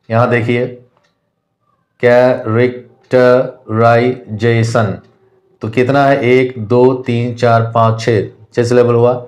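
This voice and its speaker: A male teacher from India explains an English lesson. He talks slowly and keeps his pitch level, with little rise or fall. He spells words out letter by letter in a patient, deliberate way. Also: darkish tone.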